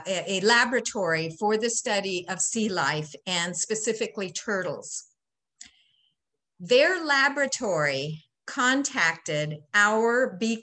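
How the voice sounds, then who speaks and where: A woman's voice: medium pitch, sharp tone. Woman in her sixties, folksy beekeeping presenter, chatty with frequent ums, laptop mic on a call. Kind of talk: webinar presentation. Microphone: laptop webcam mic on a video call.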